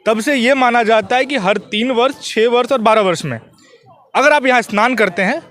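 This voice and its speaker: High-voiced man explaining earnestly. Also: moderate pace, fairly bright tone. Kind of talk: explaining religious lore in a street interview.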